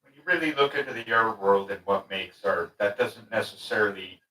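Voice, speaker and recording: Relaxed male painter streamer, low voice, mic set back in a roomy space. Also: brisk, distant mic. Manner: relaxed, rambling, talks to himself and chat. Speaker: painter streaming his work. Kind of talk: casual thinking-aloud commentary while painting. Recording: roomy sound, speaker away from mic.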